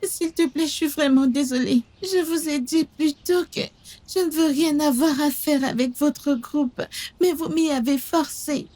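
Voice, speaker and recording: A woman's voice: high-pitched, measured pace, dark tone. An actress dubbing a terrified young woman who begs and sobs for her life. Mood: pleading. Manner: begging, sobbing, repeating pleas. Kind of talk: dubbed film acting.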